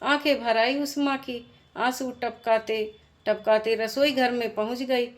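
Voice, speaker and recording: Woman storyteller, high voice, slow and heartfelt, emotional family tale. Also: steady tone.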